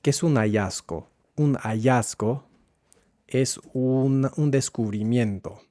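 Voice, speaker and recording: A man's voice: mid-range voice, dark tone, no room sound. Patient man teaching Spanish, dry sound. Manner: slow, repeats words for learners. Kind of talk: language lesson.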